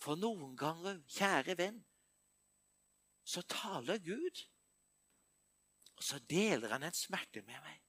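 Older guy preaching, high voice, dry close sound, goes from hushed to emphatic. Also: expressive, long pauses, no echo. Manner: intimate, swings from hushed to emphatic. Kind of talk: sermon.

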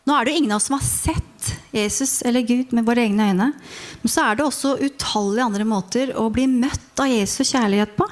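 Woman, preacher, sermon, fairly high pitch, calm reflective delivery. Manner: expressive storytelling, then calm reflective preaching. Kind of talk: sermon with first-person dramatization.

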